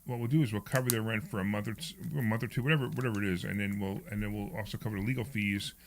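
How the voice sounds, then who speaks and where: A man hosting a radio talk show. He chats in a loose, animated way and often restarts his sentences. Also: fairly low pitch, very fast, a crowd in the background. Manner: animated and conversational, with frequent restarts. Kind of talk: casual radio chat.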